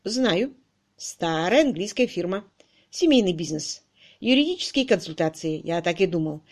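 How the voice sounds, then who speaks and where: A woman voicing a calm, ironic aristocratic gentleman. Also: fairly low pitch, normal speed. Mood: wry.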